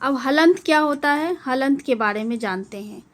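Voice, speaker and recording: A woman giving a Hindi grammar lesson, spelling out each letter slowly and deliberately. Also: high-pitched, animated. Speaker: teacher.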